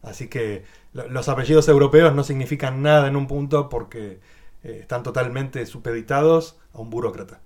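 A man's voice: medium pitch, moderate pace, darkish tone. An Argentine man as an interview guest, talking in a reflective way with frequent hesitations. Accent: Argentine Spanish. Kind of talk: casual interview.

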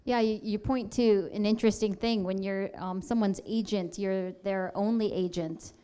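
A woman's voice: medium pitch, fairly even intonation, moderate pace, warm tone, clear, resonant tone. A woman speaking as a panel guest, explaining her work conversationally. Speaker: panel guest, athletes' agent.

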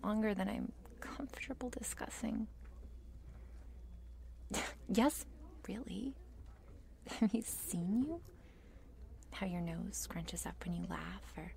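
This is a shy, meek cheerleader with a crush, acted by a woman in an intimate ASMR role-play. She speaks slowly and haltingly, slipping between creaky murmurs and breathy speaks softly. Her manner is nervous, self-deprecating and apologetic. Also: lowish voice. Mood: meek, smitten.

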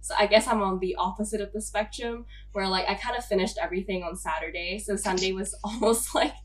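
A young woman from Hong Kong hosts a podcast, chatting casually, laughing often and filling her speech with "like." Her mid-range voice holds a steady tone and moves fairly quickly.

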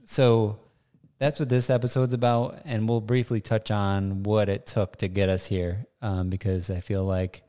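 A man's voice: on the low side, flat delivery, a little slow, dark tone. An American man co-hosting a casual, off-the-cuff podcast. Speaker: podcast co-host. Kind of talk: casual, unscripted podcast chat. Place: indoors in an unfurnished house.

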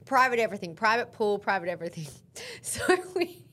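A woman's voice: medium pitch, fairly quick. An Australian woman in her thirties, co-hosting a casual podcast chat and telling a story with acted-out quotes. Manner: lively storyteller acting out quotes. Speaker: podcast co-host.

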